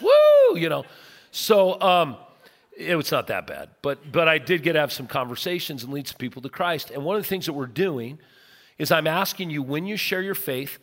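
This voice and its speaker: Pastor preaching in a reverberant hall. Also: male voice, on the high side. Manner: casual, earnest storytelling, with sudden loud bursts. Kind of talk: conversational sermon. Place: large church auditorium. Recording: long hall reverb from a big sanctuary.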